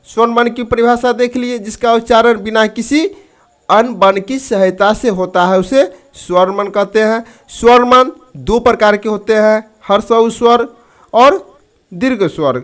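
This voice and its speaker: A man teaching a grammar lesson. He asks his students questions, answers them himself, and drawls the key terms slowly. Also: high voice.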